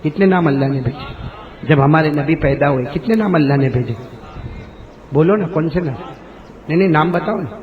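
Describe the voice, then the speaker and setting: A male preacher delivering a devotional sermon, urging the crowd to call back and switching between hushed storytelling and drawn-out chanted verses. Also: narrow, tinny audio. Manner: coaxes the audience to respond, repeating prompts; drops to a hushed low voice for storytelling.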